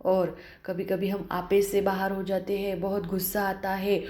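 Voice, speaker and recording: A woman's voice: medium pitch, flat delivery, a little slow, warm tone. A woman teacher explaining a play line by line, asking her students rhetorical questions as she goes. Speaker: Hindi teacher.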